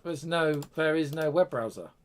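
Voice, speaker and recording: A man's voice: on the high side, moderate pace. A man with a British accent hosting a casual tech live stream, chatty and rambling, often breaking off with fillers and restarts.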